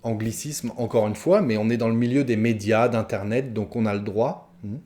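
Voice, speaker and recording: A man giving an online French lesson, speaking straight to his viewers in a lively, chatty way with many asides and fillers. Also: fairly low pitch, normal speed. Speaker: French teacher.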